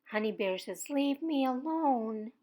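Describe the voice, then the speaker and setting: A woman's voice: on the low side, fairly even intonation, unhurried, natural voice. A woman voicing a frightened young bear cub in a children's story, pleading and crying out. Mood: scared. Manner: pleading, cries out.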